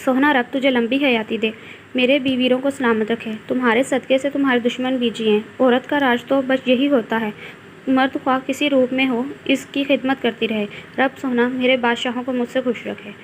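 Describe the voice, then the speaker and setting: A woman's voice: sits high, fairly even intonation, normal speed, slight background noise, close to an everyday voice. A woman voicing a young village woman who fondly scolds like a mother, in a read-aloud story. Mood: fond blessing.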